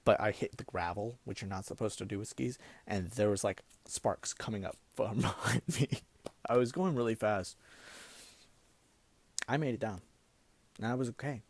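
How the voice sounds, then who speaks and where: A young man telling a comic personal story in an animated way, now and then breaking into laughter. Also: on the low side, moderate pace, gravelly, long pauses, husky.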